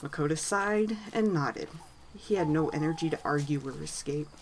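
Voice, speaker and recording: A woman narrating a fantasy story in a gentle, even reading. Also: low-pitched, normal speed, a little hiss or hum, poor audio.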